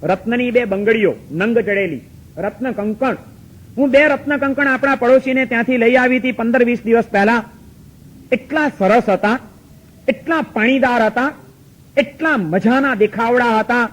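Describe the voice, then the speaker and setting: Preacher playing a grieving wife covering her sorrow, tearful and evasive, high-pitched delivery. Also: low-quality recording.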